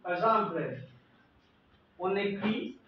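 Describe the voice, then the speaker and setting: A man teaching a French class, slowly repeating phrases and examples for his learners. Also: high voice, animated, slight background noise. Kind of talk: classroom language lesson. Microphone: far from the mic. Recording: echoey classroom from far off, dull lo-fi sound.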